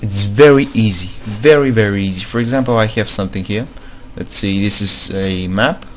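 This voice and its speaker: This game-modding tutorial comes from a man whose first language isn't English, speaking over a screen recording in a lowish voice at a moderate pace. His delivery is halting, full of filler words and repetitions, with a bit of background noise in the clip.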